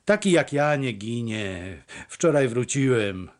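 A man's voice: mid-range voice, lively intonation, slow pace. A man voicing a cocky young wanderer who banters boldly and teasingly. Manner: teasing, bold.

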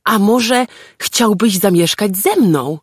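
A woman voicing a small, cheerful male storybook creature who calls out eagerly in a high voice. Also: sing-song, unhurried, no room sound, studio quality. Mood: earnest. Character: small cheerful male Pampiludek, curious and kind.

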